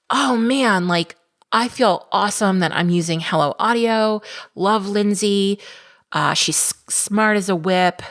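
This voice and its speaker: A middle-aged woman speaks on her solo podcast in a slightly low voice. She sounds chatty and encouraging, dropping casual fillers as she coaches her listeners. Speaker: podcast host and business coach.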